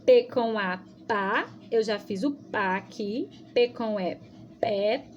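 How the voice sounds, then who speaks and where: A woman preschool teacher with a Brazilian Portuguese accent, giving a recorded video lesson for young children and sounding out syllables slowly and patiently in a sing-song way. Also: mid-range voice, highs cut off, a little hiss or hum.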